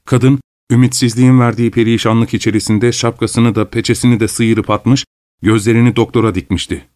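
A man narrating a story in a measured, unhurried way. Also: medium pitch, steady tone, darkish tone, no echo, studio quality. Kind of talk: audiobook narration.

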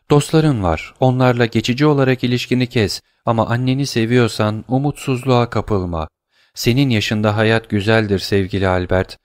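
A man's voice: medium pitch, no room sound, studio quality, lightly acted. A man voicing a middle-aged noble mother, tender and pleading with her son.

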